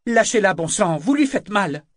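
A man's voice: sits high, expressive, moderate pace, no echo, clean studio sound, pitched above the performer's own voice. A man reading an audiobook, voicing a young sailor who urgently pleads with his captain. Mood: pleading.

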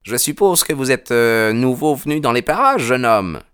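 A man voicing two heavy, well-meaning male policemen in a storybook reading, with a high, reedy, warning tone. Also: animated, moderate pace, a bit bright, clear, resonant tone, close to an everyday voice.

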